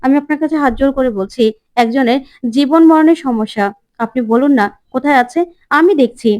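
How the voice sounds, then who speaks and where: A woman's voice: high-pitched, brisk, a little mellow, natural voice. A woman voicing a worried, determined young man who pleads and searches for the truth in a retold serial. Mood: earnest worried. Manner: earnest, pleading.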